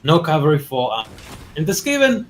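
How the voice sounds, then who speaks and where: A man's voice: on the high side, huge pitch swings, fairly quick, a little hiss or hum. Teasing man commentating a strategy game. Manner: teasing and chatty, explains game mechanics. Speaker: strategy game player, channel host. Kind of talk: casual gameplay commentary.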